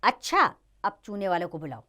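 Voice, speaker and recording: A woman's voice: mid-range voice, sing-song, moderate pace, sharp tone. A woman voicing a foolish, blustering king who barks orders in a children's play reading. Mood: bossy. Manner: commanding, barking orders.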